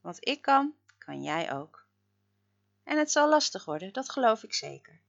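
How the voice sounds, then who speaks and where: A woman narrating a story in the first person, dramatic, swinging between loud outbursts and hushed murmurs. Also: on the high side, very animated, a little slow, gravelly, muffled recording.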